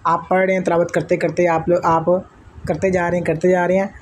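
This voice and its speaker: A man's voice: high voice, flat delivery, fairly quick, a little hiss or hum. A man teaching Quran recitation in a spoken lesson, patiently explaining step by step and posing questions he then answers himself, with chanted recitation examples.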